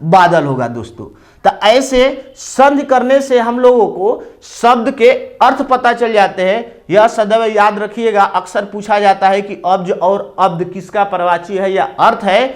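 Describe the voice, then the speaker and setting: A man's voice: high voice, a little slow. A man teaching a Hindi grammar lesson, explaining step by step and asking and answering his own questions, with an eastern Uttar Pradesh accent.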